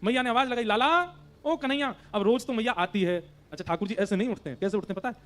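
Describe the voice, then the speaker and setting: A man telling a devotional story sermon, animated and breaking into chanted verses. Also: sits high, very fast.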